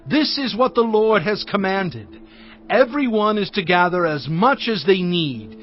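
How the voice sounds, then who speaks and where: An actor playing Moses as a stern, commanding leader in a solemn, declamatory dramatized scripture reading. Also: male voice, sits high, animated, measured pace. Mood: solemn, emphatic. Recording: dull band-limited audio with music.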